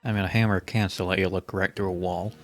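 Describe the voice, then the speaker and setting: A man with a deep voice comments casually on a game he is streaming. His manner is dry and wry, and faint music plays behind him. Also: little pitch movement, fast talker.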